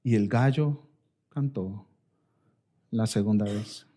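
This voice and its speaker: A male pastor preaching a sermon, swinging from emphatic high lines down to hushed, slow ones and calling his listeners brothers. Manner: rises to emphatic highs, then drops to hushed, slow lines; addresses listeners as brother and sisters.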